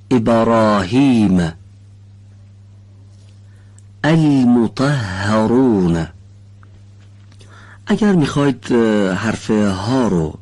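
A man teaching pronunciation in a studio lesson, polite and formal, patiently explaining and slowly stretching out syllables as he demonstrates. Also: fairly low pitch, mellow. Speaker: Quran recitation teacher.

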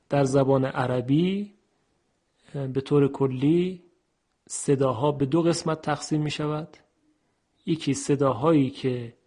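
On a radio lesson about Quran recitation, a man explains things in a measured, formal way and recites Arabic phrases. His voice is a little high with a dark tone.

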